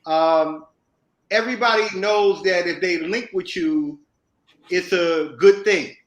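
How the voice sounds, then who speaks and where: A man's voice: high-pitched, slow, roomy sound, poor audio. A man calling into a casual chat, hesitant with many "um"s and streetwise slang. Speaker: guest caller. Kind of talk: casual chat over a call.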